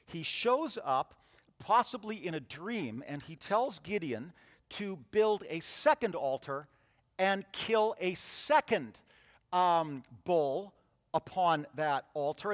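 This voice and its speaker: Animated male preacher in a reverberant hall. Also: on the high side. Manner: animated storytelling, acts out voices in the scripture reading. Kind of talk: sermon.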